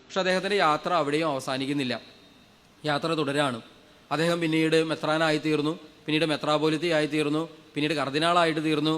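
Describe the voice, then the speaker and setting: Fast-preaching priest in a reverberant hall. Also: male voice, fairly high pitch, fairly even intonation. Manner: fervent, leads congregation in loud hallelujahs. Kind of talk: sermon storytelling.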